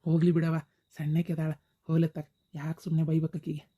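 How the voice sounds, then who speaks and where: A woman's voice: deep voice, monotone, quick pace, mellow, voice pushed down. A woman voicing a meek young husband in a cartoon, hesitant and placating in a North Karnataka accent. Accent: North Karnataka Kannada. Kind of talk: cartoon voice acting.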